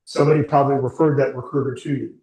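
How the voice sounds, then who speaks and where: A man's voice: mid-range voice, steady tone, very fast, creaky, dark tone. A man in his sixties leading a career workshop, talking candidly with the group and asking them questions. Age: 60s. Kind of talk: informal group talk. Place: meeting room with a group. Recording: echoey room, mic far off.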